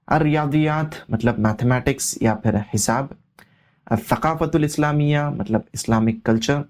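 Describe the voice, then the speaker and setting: A man teaching a language lesson, translating each word and repeating its meaning in a steady, explanatory way. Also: mid-range voice. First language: Urdu. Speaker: Arabic teacher. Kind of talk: explaining vocabulary line by line.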